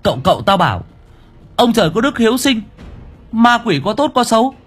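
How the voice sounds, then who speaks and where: A man's voice: very high-pitched, very animated, brisk, slightly rough, faint music behind, voice pushed up, heavily acted. A man voicing a frightened young boy who stammers and repeats words in an audiobook story. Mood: pleading.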